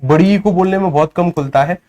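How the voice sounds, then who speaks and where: A man's voice: high voice, brisk, warm tone. A man teaching a grammar class, who keeps asking questions and then answering them himself, and often checks whether the students are following. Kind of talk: classroom lecture.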